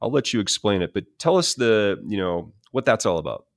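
A man's voice: fairly low pitch, animated, brisk. A man hosting an interview, easygoing, prompting the guest with "you know" and short agreements. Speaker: interview host. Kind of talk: casual interview chat.

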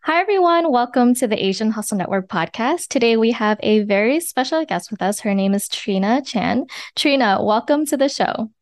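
A woman's voice: on the high side, animated, moderate pace, hardly any pauses, no echo, faint music behind. A woman co-hosting a podcast, interviewing a guest in a casual, chatty way with lots of fillers. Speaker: podcast co-host.

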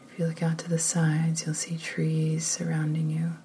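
A woman leading a guided meditation in a soft, often whispered, slow and soothing voice. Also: deep voice, monotone, a little hiss or hum.

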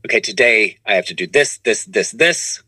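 Chatting casually as a podcast guest from his home studio, an improv comedian and producer wanders through his answers and keeps self-correcting with repeated false starts. He has a lowish, expressive, husky voice that's bright and forceful at normal speed, with no echo.

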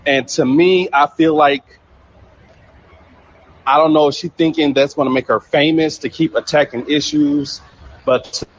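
Male caller on a choppy phone line, husky voice, frustrated and opinionated. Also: a little high, fairly even intonation. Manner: frustrated, opinionated, a bit halting. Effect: over a phone-quality call that keeps breaking up. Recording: lo-fi call audio with a weak signal.

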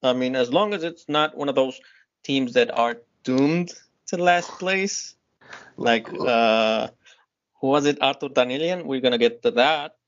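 A man co-hosting a casual football podcast, relaxed and chatty, cutting in with quick remarks. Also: mid-range voice. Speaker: podcast co-host. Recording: dull lo-fi audio.

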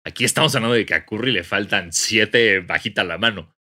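A man's voice: lowish voice, a little fast. A young man with a Mexican accent, co-hosting a podcast and telling stories in casual, slangy chat. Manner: slangy, animated storytelling. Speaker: podcast co-host.

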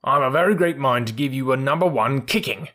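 A man doing a gruff, bossy old army mule. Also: medium pitch, bright, forceful tone. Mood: scolding. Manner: scolding and brisk.

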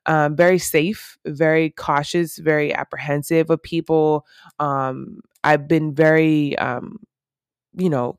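Hosting a solo podcast, a woman in her thirties rambles earnestly and reflectively, using lots of fillers. Her low, smooth voice comes through clean studio sound with no echo.

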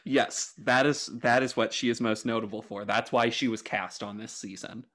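A man's voice: mid-range voice, fairly even intonation, normal speed, fairly bright tone. A man co-hosting a podcast, joking in a mock-formal, self-mocking way and laughing often. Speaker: podcast co-host. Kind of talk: casual comedic chat.

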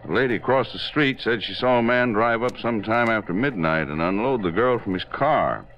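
A man's voice: lowish voice, animated, fairly quick, highs cut off, lightly acted. A man playing a terse, matter-of-fact police robbery sergeant in 1950s radio drama style.

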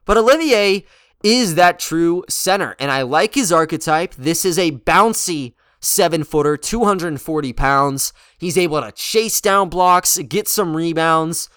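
Clear-voiced man talking basketball, fairly high pitch. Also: animated, unhurried, fairly bright tone, dry recording, clean studio sound. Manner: conversational, informal. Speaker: sports podcast host. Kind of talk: casual basketball commentary with a sponsor read.

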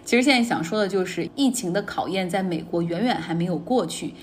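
A woman's voice: fairly low pitch, fairly quick, slight background noise. A woman hosting a daily news podcast, commenting on the day's stories in a conversational, opinionated way. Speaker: podcast host.

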